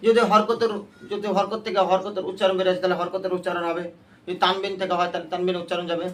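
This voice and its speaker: High-voiced man teaching a Quran class. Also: flat delivery, racing, a bit bright. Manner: drills students with repeated questions. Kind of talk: call-and-response class lesson.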